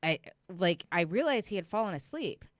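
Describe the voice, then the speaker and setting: A woman's voice: on the low side, sing-song, normal speed, dry recording, clean studio sound. A woman on a casual talk show telling a rambling personal story full of filler likes. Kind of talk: casual chat.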